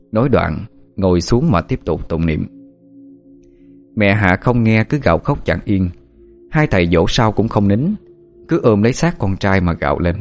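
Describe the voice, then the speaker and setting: Deep-voiced male storyteller. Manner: calm, measured storytelling. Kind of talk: scripted narration of a ghost story. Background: faint music.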